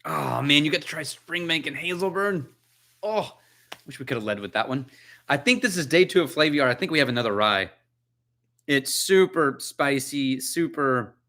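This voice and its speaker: A man with a bright, forward voice hosts a relaxed whisky tasting livestream from his own home. He chats and jokes with viewers, thinks out loud between sips and answers their comments as they come in. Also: fairly high pitch, normal speed. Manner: chatty, joking, thinks aloud while tasting. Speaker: whisky channel host. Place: his own chilly house.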